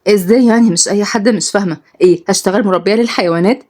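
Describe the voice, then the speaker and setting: A woman's voice: mid-range voice, very fast, a little mellow, lightly acted. A woman with an Egyptian accent voicing a young woman on the run, anxious and dramatic. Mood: fretful. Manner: dramatic and fretful.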